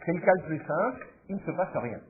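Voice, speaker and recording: A man's voice: fairly high pitch, lively intonation, brisk, narrow, tinny audio, slight background noise. A man teaching a class, explaining patiently and thinking aloud with fillers as he goes. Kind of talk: classroom lecture.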